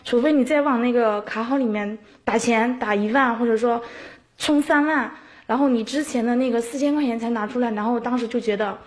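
A woman's voice: on the high side, a little fast. A young woman recounting her experience casually in an indoor interview. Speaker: interviewee, scam victim. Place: indoor room. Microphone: handheld interview mic.

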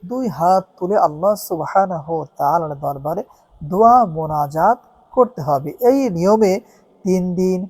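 A man giving religious instruction in an earnest, instructive way, slowly drawing out the recited Arabic phrases. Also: high-pitched, a little mellow. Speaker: Islamic devotional teacher.

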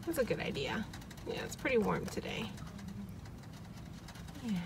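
A young adult woman chats casually while vlogging on her farm homestead, caught on a handheld phone outdoors with noisy audio. Her mid-range voice is sing-song, unhurried and gravelly.

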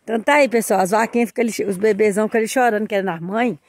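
A woman's voice: medium pitch, rapid-fire, darkish tone, no room sound, clean studio sound. A woman, filming her family's farm animals on her phone, chatty and laughing often, talking sweetly to the calves. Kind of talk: casual chat while filming. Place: farm outdoors. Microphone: phone held while filming.

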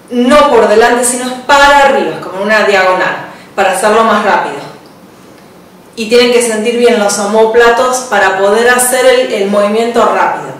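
A woman's voice: medium pitch, a little hiss or hum. A belly dance teacher, counting beats and calling out moves while she dances. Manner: counts beats aloud while dancing, brief cues. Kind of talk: counting and cueing a dance class. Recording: echoey room, voice from a distance. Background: dance music.

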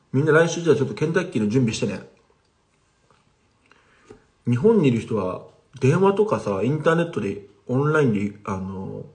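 Chatty man hosting a livestream. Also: mid-range voice. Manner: chatty, reads out viewer comments and replies. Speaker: language teacher streaming live. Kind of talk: casual livestream chat with viewers.

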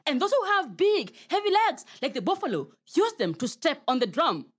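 A woman's voice: high voice, very animated, moderate pace, loud music behind the voice. A Kenyan woman telling a story to children, playful and talking straight to her young listeners. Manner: playful, addresses children directly.

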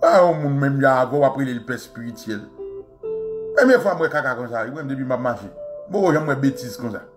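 A man with a Haitian Creole accent, hosting a show and delivering an impassioned, mocking monologue. He repeats phrases and swings between loud outbursts and low asides. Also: lively intonation, fairly quick, music in the background. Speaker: radio show host.

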